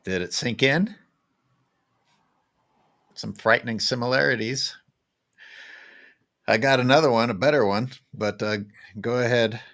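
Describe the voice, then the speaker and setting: A man's voice: medium pitch, unhurried, pauses often, a bit bright. A man hosting a podcast in casual political chat, wry and exasperated as he cues up clips for listeners. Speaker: podcast host.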